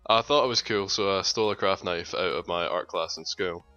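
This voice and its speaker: A man's voice: low-pitched, a little fast, pushed and bright, lo-fi sound, faint music behind. A Scottish man chatting casually over a game, teasing his friend in a dry, sweary way. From Scotland. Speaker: gaming channel co-host. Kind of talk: casual gaming chat.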